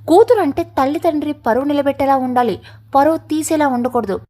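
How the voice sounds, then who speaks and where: A woman's voice: high voice, fairly quick, dark tone, natural voice. A woman voicing an ailing elderly father who speaks weakly and tenderly in a storybook reading. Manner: weak, pleading.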